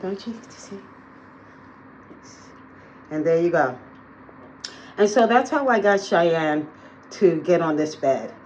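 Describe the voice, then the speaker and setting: A woman's voice: low voice, lively intonation, measured pace, pauses often, a little mellow, a little hiss or hum, low-quality recording. A woman talking casually to her viewers in a day-in-the-life vlog, chatty and full of fillers, recorded on a handheld phone. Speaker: vlogger. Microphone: phone held in hand.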